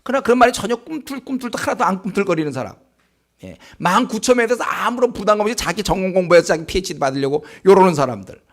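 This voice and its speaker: In a church sanctuary, a male pastor with a sore throat delivers an expressive, conversational sermon. He poses rhetorical questions to the congregation and acts out remarks in a slower, lower voice.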